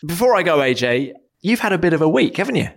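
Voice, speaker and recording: Male podcast co-host, conversational, a bit high-pitched. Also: sing-song, fast, creaky. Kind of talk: sports podcast chat.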